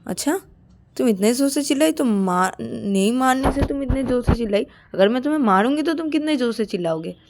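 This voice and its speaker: A teasing, bossy young woman with a stick in hand, put on by a woman narrator. She talks fast and mock-stern, her voice pitched up above the storyteller's own. This is a homemade audio story told by one reader. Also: lively intonation, a little mellow, a little hiss or hum. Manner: taunting, rapid, mock-stern.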